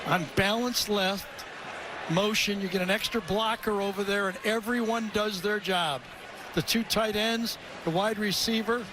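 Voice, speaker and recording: A man's voice: high-pitched, steady tone, a little slow, background noise. A man with an American accent giving conversational, explanatory football commentary as a color analyst. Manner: conversational, explanatory, acts out players' thoughts. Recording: broadcast with loud crowd and music.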